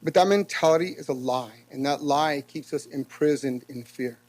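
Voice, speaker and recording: A man speaks at a podium microphone, urging the council in an earnest, exhorting cadence. His voice sits a bit high for a man. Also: normal speed, a little mellow, poor audio. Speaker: public commenter. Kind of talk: impassioned public comment. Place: council chamber.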